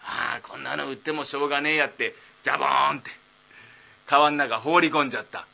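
A man voicing a dim-witted idle young man nearly thirty, rambling slowly in rakugo storytelling. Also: mid-range voice, fairly even intonation, creaky, bright, forceful tone, heavily acted.

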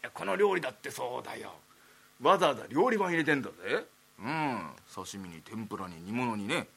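A man playing a rough-talking Edo townsman who grumbles and teases at a banquet. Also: medium pitch, sing-song, a little fast, fairly bright tone, exaggerated voice. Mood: grumbling. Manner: blunt, teasing, grumbling.

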